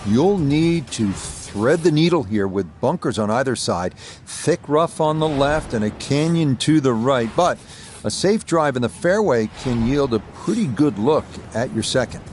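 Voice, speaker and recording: A man giving measured, understated play-by-play as a golf commentator. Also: mid-range voice, expressive, a little mellow, soft background music.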